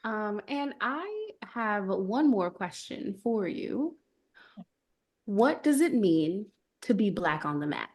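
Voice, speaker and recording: A woman's voice: mid-range voice, big pitch swings, takes it slowly, a little mellow. Polite woman co-host asking questions. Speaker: podcast co-host. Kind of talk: interview questions.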